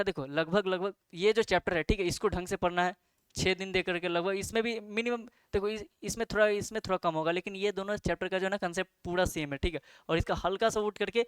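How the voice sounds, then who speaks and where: A young man talks students through a study plan in a loose, chatty way, stumbling over fillers and correcting himself as he goes. His voice is high, crisp and clear, and he talks fast. The sound is dry and close, with no room echo. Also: a bit bright. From India. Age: young adult. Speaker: student tutor giving exam study advice. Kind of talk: casual study-plan talk to camera.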